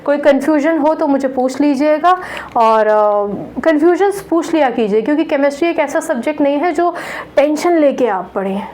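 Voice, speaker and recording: A woman's voice: high-pitched, animated, a little mellow, rough recording. A woman teaching a chemistry lesson, patiently walking students through naming compounds and often checking in as she goes. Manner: counts out carbons slowly. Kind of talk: online classroom lecture.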